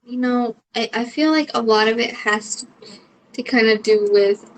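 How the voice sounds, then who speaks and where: Young woman comic, slightly high voice, rambly, loose, swears easily. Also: moderate pace, low-quality recording. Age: young adult. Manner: rambling, filler-heavy, swears casually. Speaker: comedian answering questions. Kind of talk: casual chat.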